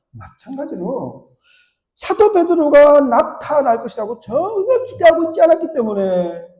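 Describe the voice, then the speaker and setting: A man preaching a sermon as pastor, telling stories and acting out the voices of the people in them. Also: a little mellow. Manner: storytelling, acts out voices with big pitch swings. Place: church sanctuary. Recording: echoey church room.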